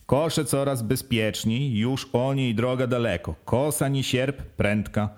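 A man's voice: mid-range voice, steady tone, slow, a little mellow. A man reading an audiobook in the first person, with earnest, plain storytelling. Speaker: audiobook reader.

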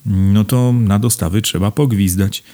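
A man voicing a calm, cunning young man who answers dryly and offhandedly in an audiobook. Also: fairly low pitch, unhurried, natural voice. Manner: dry, laconic, offhand. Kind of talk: audiobook character voice.

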